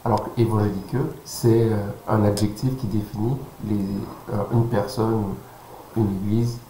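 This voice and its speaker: A man in his thirties from French Guiana, speaking in a fairly low voice. He answers calmly, halting often with fillers as he thinks. The recording sounds roomy, with faint noise underneath. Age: 30s. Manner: calm, halting, with many pauses and fillers. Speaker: interview guest. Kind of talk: casual interview.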